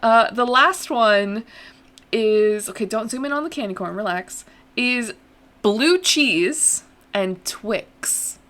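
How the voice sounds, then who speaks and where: A woman's voice: fairly high pitch, lively intonation, slow pace, a bit bright. Chatty woman podcast host. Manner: chatty, self-deprecating, laughs often. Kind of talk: casual chat.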